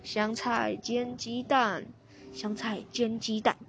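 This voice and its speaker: Brief: gentle old granny voiced by a woman, soft and slow, storybook. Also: on the high side, little pitch movement, creaky. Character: cheerful old grandmother.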